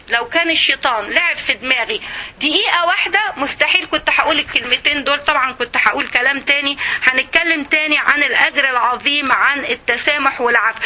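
A middle-aged woman with an Egyptian accent giving an informal religious lesson, lively and conversational, speaking straight to her listeners. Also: high-pitched. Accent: Egyptian Arabic. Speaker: religious teacher.

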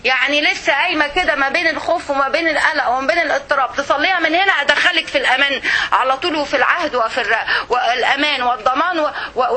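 A woman with an Egyptian Arabic accent giving an earnest religious talk, slowing down to recite verses. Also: high voice, pushed and bright. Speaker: religious speaker.

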